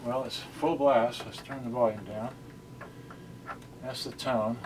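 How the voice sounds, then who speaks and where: An older man with a steady, mid-range voice talks a little slowly as he handles gear, giving a casual, rambling product review in a carpeted room indoors. He's captured by a camera mic a few feet away, and loud music from a cassette radio fills the noisy background.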